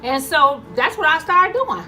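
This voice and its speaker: A woman's voice: high voice, very animated, measured pace, pushed and bright, soft background music. A woman telling stories casually to her viewers in a conversational way while eating, acting out bits of dialogue. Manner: conversational, addresses viewers as y'all, acts out dialogue. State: eating, chewing between phrases. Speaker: mukbang vlogger.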